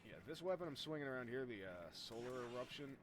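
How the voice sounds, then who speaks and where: A young man casually commenting on his own gameplay, rambling and joking, getting excited at big moments. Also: mid-range voice, fast, over music. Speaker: gaming YouTuber.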